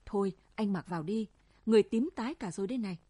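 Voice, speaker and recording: Woman voicing a gentle coaxing young village man. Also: mid-range voice, quick pace, dry recording, close to an everyday voice. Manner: soft pleading reasoning.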